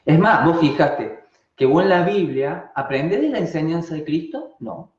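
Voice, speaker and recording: A man with an Argentine Spanish accent teaching an online class, animated and constantly asking rhetorical questions and then answering them. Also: a little high, normal speed. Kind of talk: live online class talk. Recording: dull, roomy sound.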